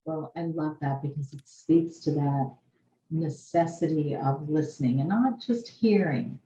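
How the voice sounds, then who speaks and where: A woman's voice: sits low, measured pace, warm tone. A woman hosting a podcast interview, speaking in a reflective, affirming way. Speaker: podcast host. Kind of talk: interview conversation. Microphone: video call. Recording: roomy, slightly dull with faint noise.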